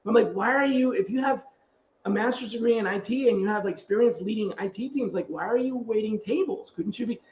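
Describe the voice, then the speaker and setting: A middle-aged podcast host with a high-set voice shares casual anecdotes in a relaxed, conversational way, speaking a little fast. The sound is roomy and slightly muffled, as though the microphone misses some detail.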